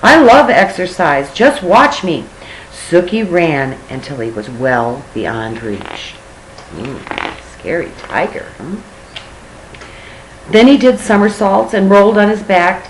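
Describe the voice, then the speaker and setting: A woman's voice: medium pitch, animated, a little slow, a little hiss or hum, poor audio. An older woman, a grandmother, reading a picture book aloud to a child expressively, with chatty asides.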